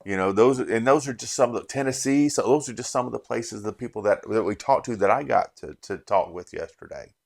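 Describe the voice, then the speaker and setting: This middle-aged bourbon channel host from Las Vegas, USA, uses a mid-range, creaky, darkish voice, talking a little fast with few pauses. He recaps an event in a casual vlog, rambling warmly and often restarting what he says.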